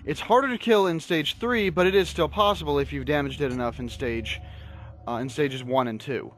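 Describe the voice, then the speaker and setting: A man's voice: a little high, normal speed, fairly bright tone. A man hosting a gaming video, chatting casually and explaining the rules as he plays. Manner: chatty, explains game rules while playing. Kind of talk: casual gameplay commentary. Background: game music.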